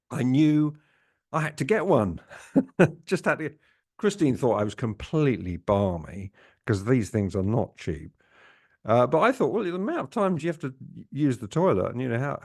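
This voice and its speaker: A man's voice: on the low side, darkish tone. Rambling man, hesitant monologue. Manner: hesitant, rambling, with many fillers and restarts. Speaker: podcast host. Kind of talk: casual monologue.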